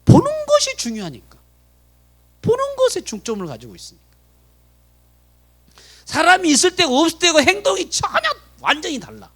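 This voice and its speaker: Male pastor delivering a church sermon; very high, highly expressive pitch, rhetorical questions to the congregation. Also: moderate pace, pauses often. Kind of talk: sermon at a Friday prayer meeting. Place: church sanctuary.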